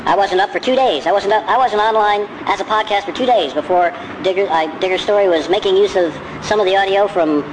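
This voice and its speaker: A podcast host's voice sped up into a high, squeaky chipmunk pitch, belonging to a man who rambles and keeps correcting himself. Steady noise from traffic and the street sits under the whole recording. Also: fast, hardly any pauses. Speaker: podcast host. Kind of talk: casual podcast monologue.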